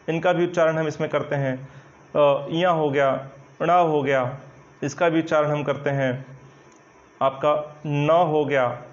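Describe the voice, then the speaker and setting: A man teaching Hindi grammar in an online coaching lesson, explaining step by step while writing on a board, often checking in with "right?" and pausing with fillers. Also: a little high. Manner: explanatory, repeats "ठीक है ना" often, hesitant fillers. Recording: dull lo-fi recording.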